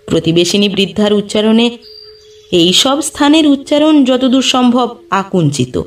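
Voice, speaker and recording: Woman narrator for a classic story: high, slow, measured, distant mic with faint music. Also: sing-song.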